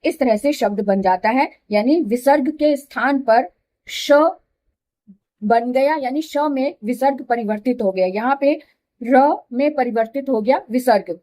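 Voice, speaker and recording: A woman's voice: fairly high pitch, measured pace, warm tone. A woman teaching Hindi grammar, explaining each rule step by step, repeating examples and checking that students follow. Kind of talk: classroom explanation.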